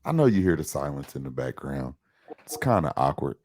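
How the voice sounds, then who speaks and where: A man's voice: very deep voice, big pitch swings, brisk, darkish tone, slightly rough, no room sound. A man hosting a fantasy football podcast in loose, hyped, profane casual chat. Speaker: podcast host.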